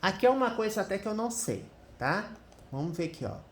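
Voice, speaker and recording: A woman's voice: medium pitch, very animated, fast, roomy sound, slight background noise. A Brazilian Portuguese-accented woman teaching English in a screen-share lesson, thinking aloud and checking in with the viewer often.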